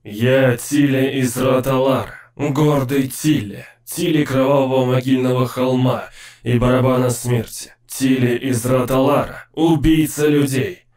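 A man's voice: mid-range voice, fairly even intonation, measured pace, a little mellow, roomy sound, lightly acted. A man voicing the proud, bloodthirsty ghost of an ancient warrior in an audiobook, solemn and boastful.

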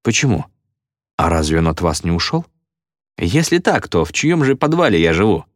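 A man's voice: deep voice, big pitch swings, normal speed, no room sound, clean studio sound. A man voicing a weary, embarrassed father who speaks in a tired, clipped way in a storybook reading. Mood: wry.

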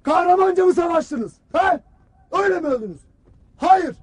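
An actor playing a stern male army commander who berates his soldiers in a harsh, shouting, cutting voice. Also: very high voice, lively intonation, moderate pace, no echo. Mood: bitter. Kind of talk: film drama acting.

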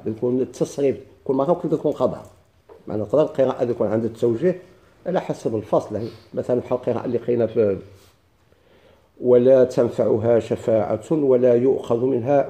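A man with a Moroccan accent teaching grammar, asking questions and answering them himself and reading quoted text slowly. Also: mid-range voice, warm tone. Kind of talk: classroom lecture.

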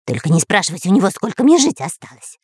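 A woman's voice: mid-range voice, big pitch swings, fast talker, a little mellow, breathy edge, no room sound, clean studio sound. A woman voicing a cowardly, greedy male spy who whines and hisses. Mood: whiny. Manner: whining, hissing.

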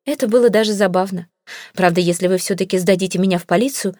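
A woman's voice: medium pitch, darkish tone, no echo, studio quality, close to an everyday voice. A woman playing a melodramatic fake fortune teller. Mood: wry. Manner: wailing, slow prophetic chanting. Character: theatrical female fake fortune teller, ex-actress.

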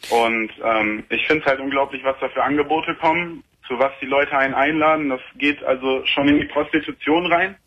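A man's voice: mid-range voice, normal speed, hardly any pauses. A man in his twenties, a caller on a late-night radio show, heard over a speakerphone and explaining earnestly with many fillers. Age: 20s. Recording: dull phone line on radio.

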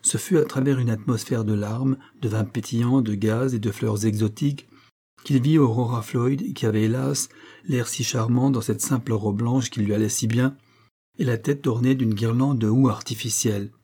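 Dark-voiced male audiobook narrator. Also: mid-range voice, steady tone, normal speed, breathy edge. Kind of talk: scripted literary narration.

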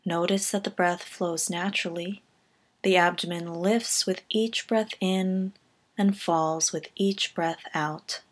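A woman with a fairly low pitch leads a guided body scan meditation from a script. Her pacing is measured and her tone calm and gentle, easing off at the close of each phrase.

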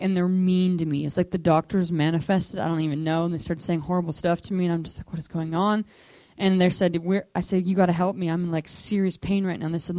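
A woman telling a personal testimony at a missions training school in a casual, animated way, acting out quotes in hushed whispers and high squeaks. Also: no echo.

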